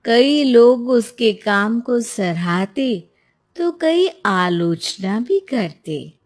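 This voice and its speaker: Unhurried woman narrating a story. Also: a little high, expressive, darkish tone. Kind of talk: scripted moral-story narration.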